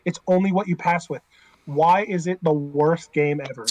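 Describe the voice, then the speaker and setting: A young man from the Pittsburgh area, co-hosting a podcast and ranting about games in fast, emphatic bursts. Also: a little high, a crowd in the background, rough recording. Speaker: podcast co-host. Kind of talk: casual chat.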